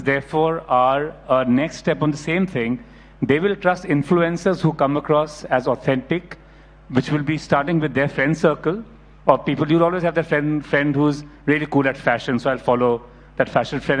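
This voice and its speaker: A middle-aged man speaking on a panel in an emphatic, lecturing way, often checking in with "right?". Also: medium pitch. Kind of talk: panel discussion. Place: conference hall. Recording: reverberant conference hall.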